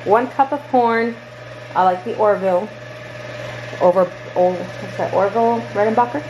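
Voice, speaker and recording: A woman's voice: medium pitch, normal speed, darkish tone, a little hiss or hum, low-quality recording. A woman talking casually to her camera in a home vlog. She rambles, restarts sentences and searches for words as she goes. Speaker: vlogger. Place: at home, then in a car.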